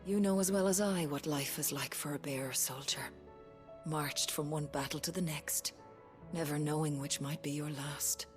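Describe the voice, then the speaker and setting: A woman's voice: sits low, fairly even intonation, lightly acted. A woman playing a weary grieving healer. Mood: somber. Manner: quiet, measured, somber. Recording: game audio with clear music behind.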